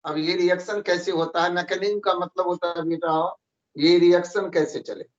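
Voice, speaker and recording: Guy teaching chem on a video call, kinda high voice, sounds echoey and dull. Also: fairly even intonation, moderate pace. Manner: patient, calls students "beta" constantly. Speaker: chemistry teacher. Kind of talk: online class lesson. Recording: roomy, muffled online call audio.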